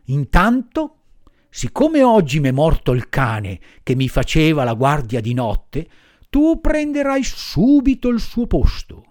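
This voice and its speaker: A gruff farmer barks and scolds, loud and threatening, his words heavy and slow, as a man reading a storybook puts him on. He sounds stern and worked up, not to be argued with. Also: fairly high pitch, wildly swooping pitch, exaggerated voice.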